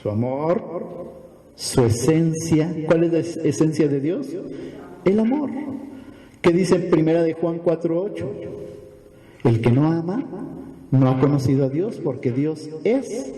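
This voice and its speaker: Pastor preaching in an echoey hall. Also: male voice, a little high, expressive, a little slow, pauses often, warm tone. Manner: preaching with rhetorical questions and tags like "¿verdad?". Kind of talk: sermon. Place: church hall.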